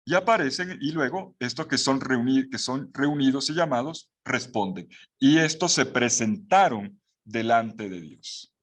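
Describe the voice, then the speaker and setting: A man's voice: medium pitch, animated, measured pace, a bit bright. A man giving a Bible course lecture with a Latin American Spanish accent, explaining patiently with rhetorical questions and restarts. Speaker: Bible teacher.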